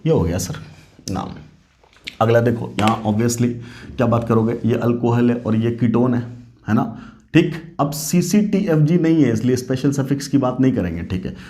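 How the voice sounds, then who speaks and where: A man teaching an online chemistry class, quizzing his students and answering his own questions, keeping his voice low because it is late at night. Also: moderate pace. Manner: quizzing students with call-and-response; speaking softly late at night.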